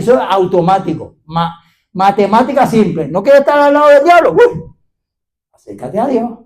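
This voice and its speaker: A male pastor preaching a fiery sermon at a church gathering, questioning the crowd and calling out hallelujah. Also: high voice. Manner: animated, exclaiming hallelujah, questioning the congregation.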